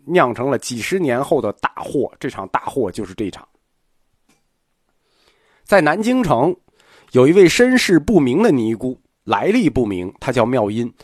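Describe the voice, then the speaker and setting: Male lecturer, animated intonation, dry close sound, speaks seated and unhurried. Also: medium pitch, dry recording. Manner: swings between loud-fast and soft-slow delivery; speaking seated, softer and slower today. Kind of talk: history lecture.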